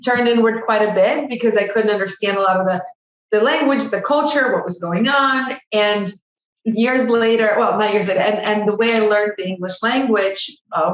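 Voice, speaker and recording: A woman's voice: medium pitch, reverberant, lo-fi sound. A woman in her forties, originally from Russia, with Russian as her first language, telling her story as a guest in a casual interview with a chatty, self-deprecating manner. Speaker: guest, PR agency owner.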